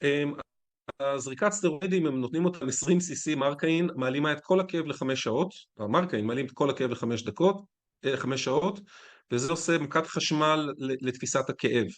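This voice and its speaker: A man, a physician, giving a conference lecture in a conversational, candid way with anecdotes. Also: on the high side.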